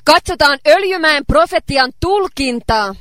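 A woman interpreting a sermon phrase by phrase, relaying each line in a steady way. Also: high-pitched, dry recording, clean studio sound.

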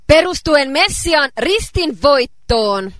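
Bright high-voiced female sermon interpreter. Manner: steady, faithful relaying of each phrase.

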